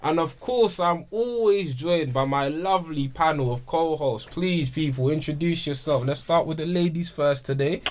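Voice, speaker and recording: A man's voice: fairly high pitch, moderate pace, hardly any pauses, a little hiss or hum. A man with a London roadman accent and heavy street slang, hosting a casual podcast chat. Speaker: podcast host. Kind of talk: casual group banter.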